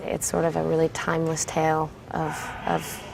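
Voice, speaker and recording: A woman's voice: sits low, monotone, normal speed, vocal fry, background noise. A woman talking as a lead actress about her character in a behind-the-scenes interview, thoughtful and reflective.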